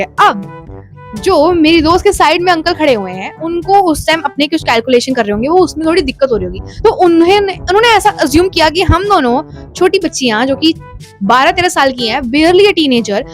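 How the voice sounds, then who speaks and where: A woman's voice: high voice, big pitch swings, normal speed, faint music behind. A woman telling a personal story to her phone camera in a chatty way, mixing English into her speech and often checking in with her listeners. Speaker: storytime vlogger. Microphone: phone front camera.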